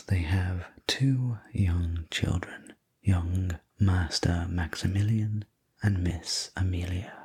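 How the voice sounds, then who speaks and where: Male sleep story narrator for whispered role-play: courteous manor servant, very breathy, unhurried and soothing. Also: sits low, a little mellow.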